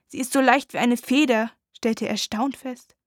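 High-voiced woman reading a dark story. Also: fairly even intonation, moderate pace, dry recording, clean studio sound. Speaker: audiobook narrator. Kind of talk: first-person dramatic audiobook reading.

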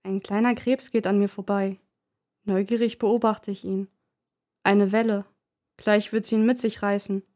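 A woman reading a first-person story aloud in a calm, measured way. Her pitch stays in a middle range, steady and unhurried. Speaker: narrator.

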